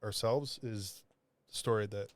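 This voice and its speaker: A man, a comic book artist, telling a heartfelt story in a podcast interview, halting with many restarts and fillers. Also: fairly low pitch, fairly even intonation, no room sound. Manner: earnest, heartfelt.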